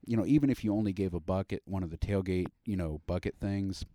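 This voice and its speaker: A man's voice: deep voice, fast talker, warm tone, no echo, studio quality. A man hosting a casual podcast, rambling with fillers and restarts. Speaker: podcast host.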